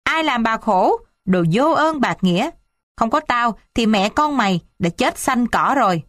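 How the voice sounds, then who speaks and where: A woman voicing a bad-tempered middle-aged father who shouts and scolds his family. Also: extremely high pitch, expressive, a little slow, no echo, clean studio sound, full character voice. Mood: angry shouting.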